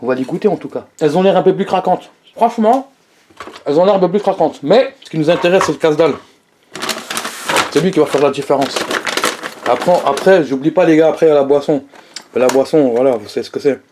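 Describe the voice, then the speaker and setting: A young man chatting casually to his viewers in a fast-food review vlog, slangy and playful. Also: a little high, darkish tone, slight background noise.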